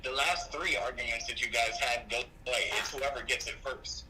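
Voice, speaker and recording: A man's voice: medium pitch, steady tone, normal speed, noisy background. A man calling in over a speakerphone, explaining things in a matter-of-fact, detailed way in casual chat. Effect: speakerphone call. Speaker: phone-in friend.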